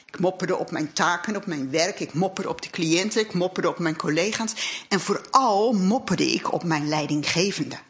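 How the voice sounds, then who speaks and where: A lay speaker at a congregation gives an earnest, reflective sermon in a church hall, blending scripture with her personal testimony. Her voice is lowish and her pace is normal.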